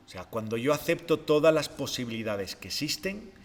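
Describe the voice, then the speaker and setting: A man talks through his ideas calmly and reflectively, posing questions and then answering them himself. His voice sits in a middle register. The room adds a long, lingering reverb. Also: mid-range voice, brisk. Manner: calm, reflective, explains step by step with rhetorical questions. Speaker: podcast co-host, behavior expert. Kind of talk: explanatory podcast talk.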